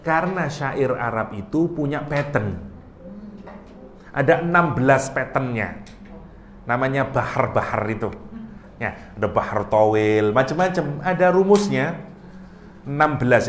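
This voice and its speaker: A man teaching a relaxed religious study session, explaining with everyday comparisons, stumbling over and restarting words, chuckling at his own jokes. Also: mid-range voice, roomy sound, a little hiss or hum.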